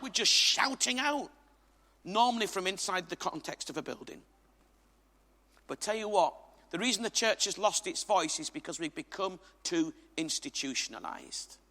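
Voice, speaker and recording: In a church hall, an Englishman preaches to a congregation, emphatic and jokey, tossing asides to the crowd. His voice is high-pitched, pushed and bright, and the recording carries the reverberation of the hall.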